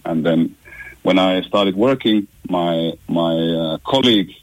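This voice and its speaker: A young man from Finland, a relaxed guest talking casually over a phone call, with hesitant restarts. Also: low-pitched, slow pace, no echo.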